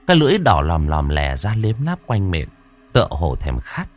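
A man reading a horror story aloud in a dramatic, expressive way. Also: low-pitched, normal speed. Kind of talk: scripted horror story narration.

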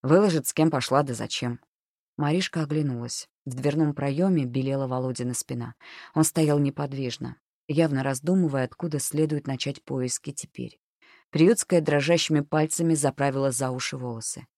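Woman narrator, low-pitched, dry, measured, tense storytelling. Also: mellow, no room sound. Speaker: audiobook narrator. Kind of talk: scripted narration.

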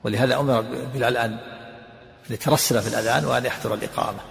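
Man, teacher, gravelly voice, quick lecturing pace, patient explanations, long hall reverb. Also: mid-range voice, fairly even intonation, a little hiss or hum. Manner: explains patiently and answers students with brief prompts. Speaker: teacher explaining a religious text. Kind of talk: classroom lecture commentary.

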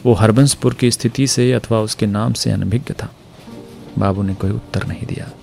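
A man narrating a story in a steady, measured way. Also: on the low side, creaky, slight background noise. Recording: narration with faint music.

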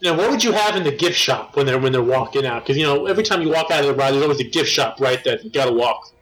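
A man chiming in with quick, playful jokes in casual banter. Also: medium pitch, expressive, fairly bright tone. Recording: noisy background.

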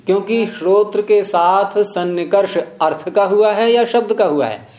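High-voiced man teaching, echoey room. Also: a little slow, darkish tone. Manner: questioning, repeatedly prompting with "hmm?". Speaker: yoga philosophy teacher. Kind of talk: classroom lecture with questions to students. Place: room with students present.

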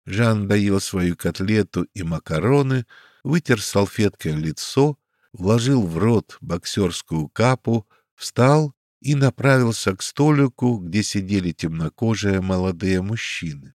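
A man narrating a detective story as an audiobook reader, in steady storytelling. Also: fairly low pitch, unhurried, no room sound, studio quality. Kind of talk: scripted narration.

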